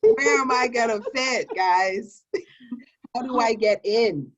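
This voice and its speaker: A woman's voice: fairly high pitch, takes it slowly, highs cut off. Tipsy woman joking with a friend. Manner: animated storytelling, acts out imagined quotes. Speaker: co-host of an online rant show. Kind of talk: casual comedic chat with a friend.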